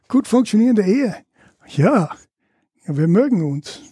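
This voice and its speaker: An older man from Louisiana with an American accent, a native English speaker, chatting as a podcast guest in halting German and searching for his words. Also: sits high, very animated, warm tone, husky, dry recording, clean studio sound. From Louisiana, USA. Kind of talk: casual interview chat.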